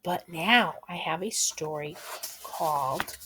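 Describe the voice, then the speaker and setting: A woman teacher reading a picture book aloud to children, slow and expressive, drawing out her words. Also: deep voice, background noise.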